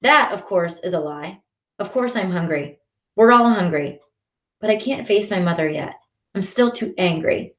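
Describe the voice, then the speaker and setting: A woman narrating a first-person children's novel in an expressive reading voice. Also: fairly low pitch, moderate pace. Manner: expressive, shifting into character voices. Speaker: audiobook narrator. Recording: roomy echo.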